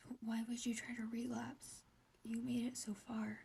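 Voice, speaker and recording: A woman voicing a gentle, caring teenage boy in a whispered role-play, speaking softly and reassuringly. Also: fairly high pitch, level tone, moderate pace, gravelly, slight background noise. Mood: tender. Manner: soft, soothing, reassuring.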